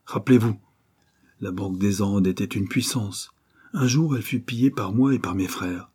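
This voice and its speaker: A man's voice: on the low side, normal speed, dark tone, husky. A man doing a sneering bandit chief. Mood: exalted. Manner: sneering, boastful.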